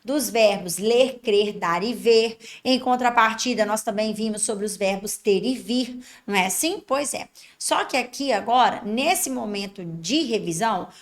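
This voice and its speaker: A woman's voice: medium pitch, measured pace. A Brazilian woman teaching Portuguese for an exam, explaining patiently and checking in with her students as she goes. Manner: acts out a student's thoughts. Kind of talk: exam-prep lesson.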